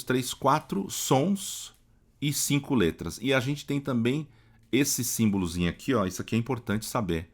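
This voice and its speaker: Speaking Portuguese, a man with a fairly low voice gives a patient English phonetics lesson, slowly repeating example words and frequently checking that the listener is following.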